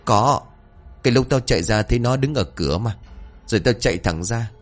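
A man's voice: medium pitch, animated, a little fast, faint music behind, close to an everyday voice. A man voicing a short-tempered older gang boss who snaps and scolds. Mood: gruff. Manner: snapping, scolding.

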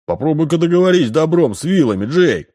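A man's voice: a little high, very animated, moderate pace, warm tone, pitched above the performer's own voice. A man doing a puffing, quarrelsome farmer. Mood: defensive. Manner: panting, grumbling.

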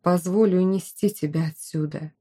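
A hot-tempered young fire mage growls and snaps his threats in slow, weighty phrases, as a woman reader puts him on. His tone sits low and mellow rather than sharp. He is a protective figure in a fantasy audiobook. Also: natural voice. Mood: tender, hushed. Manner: growling, snapping.

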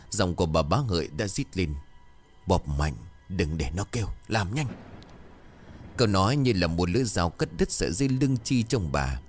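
A man narrating a horror story in a dramatic, lively storytelling manner. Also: deep voice.

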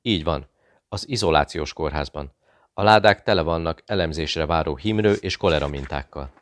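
Brief: male narrator as a smooth, polite undercover Brit, deep and unhurried. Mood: calm. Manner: courteous, smooth, conversational. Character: calm, polite British man posing as a doctor. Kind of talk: audiobook dialogue.

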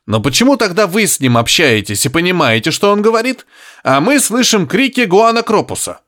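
A careful middle-aged scholar thinks aloud in an audiobook, as a male reader puts him on. He is measured and reasoning. The intonation swings widely. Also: high-pitched, sing-song, fairly bright tone, dry recording, studio quality, voice pushed up. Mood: thoughtful. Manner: measured, pondering.

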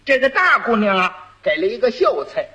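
A man telling a comic folk tale with lively asides to the listeners. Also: sits high, normal speed, poor audio. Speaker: storyteller. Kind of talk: traditional comic storytelling.

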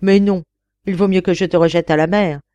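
A woman's voice: on the low side, fairly even intonation, a little fast, dark tone, no room sound, lightly acted. A woman reading the part of a wary fisherman who scorns and outwits a genie. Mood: triumphant. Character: wary, defiant old fisherman.

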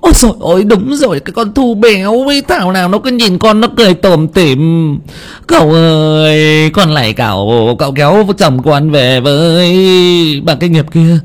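A man's voice: fairly high pitch, normal speed, pitched above the performer's own voice, lightly acted. A man voicing a flustered middle-aged seafood seller who stammers and begs a medium for help in an audiobook. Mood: pleading. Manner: stammering, pleading. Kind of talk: audiobook character voice.

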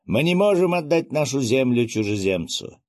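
A man's voice: mid-range voice, very animated, normal speed, dry recording, voice pushed up, close to an everyday voice. A man doing a furious hotheaded young fighter. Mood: defiant. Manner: shouting, furious.

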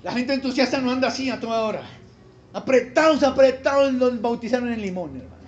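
A man's voice: very high-pitched, racing, slight background noise. A man preaching a sermon as pastor, emphatic and quizzing the congregation with rhetorical questions. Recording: dull live church recording with faint ambience.

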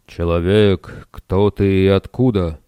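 A booming metallic bronze giant, as a man reading a story puts him on, slow and threatening. The voice sits very low and dark, but stays smooth and clear. It is recorded close and dry, with no room behind it. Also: fairly even intonation, dry recording. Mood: questioning. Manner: slow, loud, threatening delivery. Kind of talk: audiobook narration with character voices.

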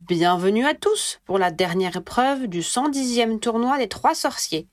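A grand headmistress declaims a formal announcement in a measured, chanting cadence, as a woman reading the story puts her on. Her tone is stately and solemn. The sound is dry and close. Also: a little high, expressive, dry recording.

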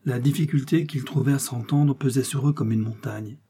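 Man reading a classic novel aloud, mellow deep-toned, a bit raspy, steady pace. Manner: measured, steady storytelling. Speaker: audiobook narrator. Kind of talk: scripted literary narration.

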